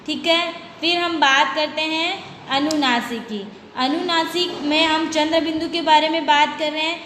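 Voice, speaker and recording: High, bright woman teaching in an echoey room. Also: fairly even intonation, measured pace. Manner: explains step by step, asks and answers her own questions. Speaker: school teacher. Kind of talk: recorded Hindi grammar lesson. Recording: echoey room with long reverb, faint noise.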